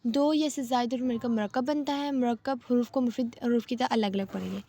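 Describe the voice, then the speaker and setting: A woman teaching a reading lesson step by step, patient and slow, repeating each rule. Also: on the high side, steady tone, mellow. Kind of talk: step-by-step Arabic letters lesson.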